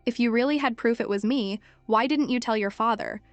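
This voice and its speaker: A woman's voice: on the high side, brisk, no room sound, dull audio, faint music behind, lightly acted. A woman doing a falsely sweet schemer. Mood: defensive. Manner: sugary on top, defensive and stammering.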